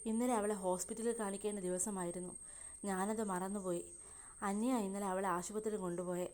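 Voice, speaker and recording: A woman voicing a lovesick, downcast young man in a read-aloud romance story, speaking in a lowered, plaintive voice. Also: fairly even intonation, fairly quick, a little mellow, lightly acted. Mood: despondent.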